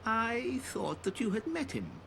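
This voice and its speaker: A man's voice: very high voice, wildly swooping pitch, measured pace, bright, forceful tone, exaggerated voice. An actor playing a talkative, teasing old cat man in a video game, with a theatrical, chiding, probing manner. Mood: teasing, needling. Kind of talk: English video game voice acting. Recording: clearly noisy game audio with ambience.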